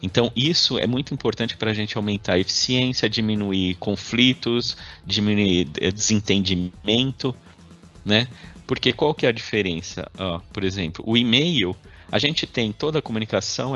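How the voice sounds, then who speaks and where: A man with a Brazilian accent leads a relaxed corporate training session, and his voice sits on the low side. He keeps it conversational, tossing in tag questions as he explains, while faint music plays softly behind him. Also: dull audio. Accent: Brazilian Portuguese. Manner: conversational, tags sentences with frequent "né?". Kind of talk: informal workplace talk.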